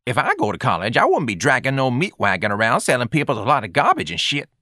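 A brash young street hustler, voiced by a male narrator scoffs and wisecracks in a much higher, whooping register. His pitch leaps around wildly on exclamations. The read is close and dry. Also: wildly swooping pitch, fast talker, sharp tone, no room sound. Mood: scoffing.

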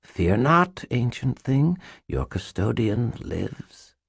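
A man's voice: mid-range voice, very animated, takes it slowly, gravelly, slightly rough, no echo, studio quality, voice pushed up, full character voice. A man voicing an ageless, menacing faerie queen who hisses and purrs with cold, possessive regality in a storybook reading. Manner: hissing, purring, regal and possessive. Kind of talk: audiobook narration.

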